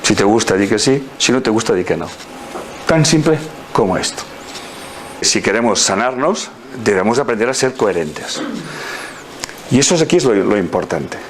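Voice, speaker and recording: Animated man giving a talk. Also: moderate pace, pauses often, a little hiss or hum. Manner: storytelling, acts out quoted people in a higher voice. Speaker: speaker on personal growth. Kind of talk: lively motivational talk.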